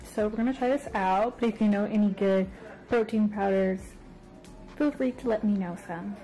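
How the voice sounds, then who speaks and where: Young woman vlogger, phone-cam selfie talk, casual and chatty, mellow tone, music bed underneath. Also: medium pitch, moderate pace. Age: young adult. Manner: chatty, self-conscious, lots of "like". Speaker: vlogger, community college student. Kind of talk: casual day-in-my-life vlog. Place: campus library, then home. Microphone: phone camera at arm's length.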